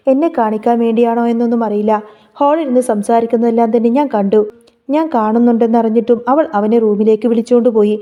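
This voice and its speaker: A woman voicing a gentle, tearful young woman in a read-aloud story, speaking softly and pleading. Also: on the high side, natural voice.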